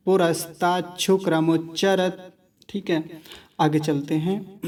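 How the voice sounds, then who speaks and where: A man with a fairly high voice leads a pronunciation lesson in an unhurried way. He breaks each word into syllables and says them slowly, one at a time, then repeats them patiently. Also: darkish tone. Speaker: teacher. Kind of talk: slow, careful pronunciation lesson.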